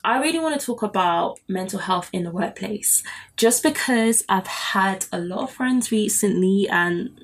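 A woman with a British accent hosts a podcast on her own. She talks casually in a mid-pitched voice, chatty and conversational. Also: lively intonation, measured pace. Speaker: podcast host. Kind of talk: casual solo podcast talk.

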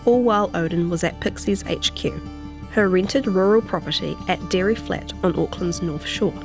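A woman journalist with a New Zealand accent presents a reported story for a podcast, moving between interview chat and scripted feature narration. Her voice is medium in pitch with vocal fry.

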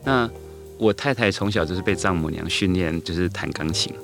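A man's voice: low-pitched, fairly quick, gravelly, music in the background. A middle-aged man, a teacher guest on a podcast, tells a story unhurriedly, with many hesitant fillers and restarts. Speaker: guest, elementary school teacher.

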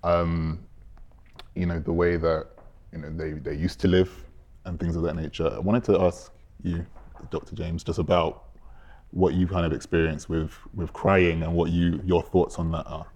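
A man hosting a discussion panel, asking gently probing, hedging questions. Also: sits low, little pitch movement, moderate pace, muffled recording. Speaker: panel host.

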